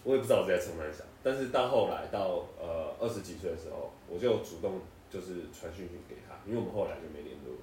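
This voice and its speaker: A man's voice: sits low, animated, fast, few pauses, dark tone, far from the mic. A man in his twenties with a Taiwanese Mandarin accent, co-hosting a casual podcast chat, telling stories and laughing often. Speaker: podcast co-host. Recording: echoey room, voice off-mic, faint noise.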